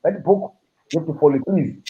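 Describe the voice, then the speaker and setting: Boastful animated man on a phone recording. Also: on the high side, fairly quick. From Zimbabwe. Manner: boisterous, joking and boastful. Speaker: patient filming himself. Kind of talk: casual chat. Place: hospital room. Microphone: phone camera. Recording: tinny phone-like audio.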